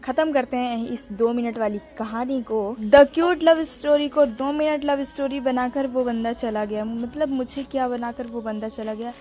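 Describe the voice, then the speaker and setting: Faint music plays beneath a young vlogger's slightly high voice as she narrates her own video at a measured pace. She's relaxed and chatty, talking straight to viewers she calls friends.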